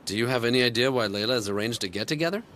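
A man's voice: mid-range voice, very fast, fairly bright tone, slight background noise, lightly acted. An actor dubbing a reserved, guarded young man who speaks briefly in a drama. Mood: polite. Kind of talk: dubbed drama. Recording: music score underneath.

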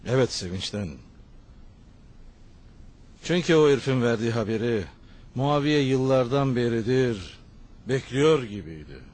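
An actor playing a grave eyewitness in a historical drama, bringing bad news to his companions in a measured, solemn way. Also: medium pitch, animated, a little mellow, natural voice. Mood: somber, insistent. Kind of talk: dubbed historical drama dialogue.

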